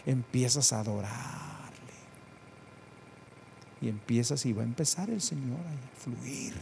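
A man preaching a sermon, swinging between loud emphatic calls and quiet prayerful passages, repeating phrases for emphasis. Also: medium pitch, a little slow, vocal fry, a little hiss or hum.

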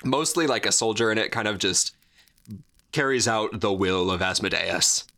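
Bright-voiced rambling male podcast host. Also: fairly low pitch, normal speed. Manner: rambling, jokey, lots of fillers and restarts. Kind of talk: casual chat.

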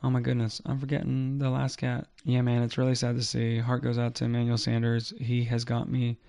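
A man's voice: medium pitch, monotone, fairly quick, gravelly, dark tone. A man hosting a fantasy football podcast solo, with casual, slangy sports commentary. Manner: informal, slangy.

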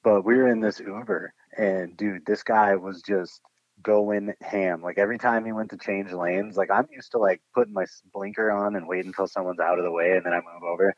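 A man's voice: sits low, steady tone, a little fast, breathy edge, dry recording. A young man hosting a podcast in casual chat, laid-back and slangy, laughing often. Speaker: podcast host. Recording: muffled dull sound.

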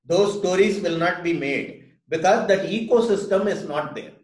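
A man with an Indian English accent, making his case in a casual debate, insistent but halting, often seeking agreement. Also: high-pitched. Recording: echoey room sound.

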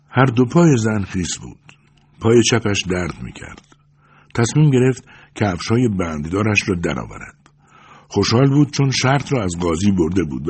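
A man reads a story aloud in a steady, measured way. His voice sits very low and has a husky texture. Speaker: narrator. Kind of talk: audiobook story narration.

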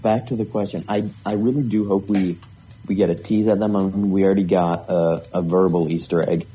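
Deep-voiced guy on a podcast, laid back, jokey, warm tone, little bit of hiss. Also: fairly even intonation, fairly quick, dull audio. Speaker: podcast co-host. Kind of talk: casual chat.

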